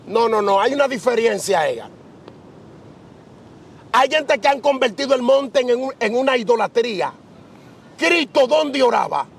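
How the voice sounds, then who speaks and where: A man's voice: very high voice, animated, moderate pace, creaky, pauses often, slightly rough. A middle-aged man preaching outdoors on a beach, asking rhetorical questions with emphasis. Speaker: preacher being interviewed. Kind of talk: preaching conversation.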